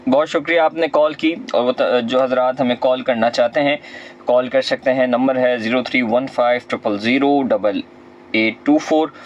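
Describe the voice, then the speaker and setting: A man hosts a call-in radio show about traffic, taking calls and passing them to his guest. He talks at a measured pace and fills gaps with drawn-out "uh" sounds. The audio is a little dull and muffled. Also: mid-range voice, fairly even intonation. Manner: measured, with frequent "uh" hesitations.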